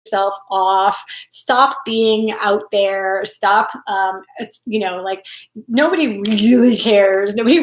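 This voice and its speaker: A woman talking casually as a self-help coach in a live video, chatty and animated, acting out inner voices in a higher tone. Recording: echoey room.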